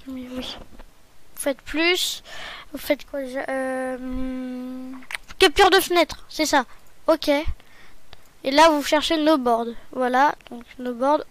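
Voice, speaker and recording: A woman hosting a software tutorial, talking hesitantly and often correcting herself with apologies. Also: high-pitched, no echo. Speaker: tutorial host. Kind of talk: screen-recorded software tutorial.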